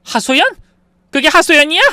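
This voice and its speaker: A man voicing an indignant older mother-in-law in a story, protesting in sharp outbursts. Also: sits high, sing-song, brisk, clear, resonant tone, dry recording, voice pushed up, full character voice. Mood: outraged.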